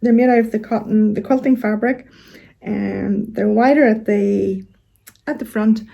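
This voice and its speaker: A middle-aged woman with a Northern Irish accent chats casually as a vlog host, gently and unhurriedly, with hesitant pauses. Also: mid-range voice, gravelly. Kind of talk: casual chat to camera.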